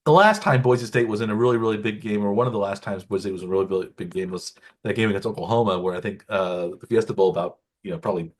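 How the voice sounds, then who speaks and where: A man's voice: on the low side, racing, hardly any pauses. A middle-aged man co-hosting a sports podcast, rambling through picks with lots of restarts and fillers. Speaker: podcast co-host. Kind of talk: casual sports chat.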